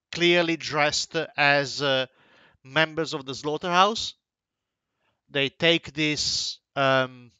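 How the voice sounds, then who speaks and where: A man's voice: fairly high pitch, pushed and bright, smooth, dry recording. A man narrating as game master of a tabletop game, hesitant with many fillers and restarts.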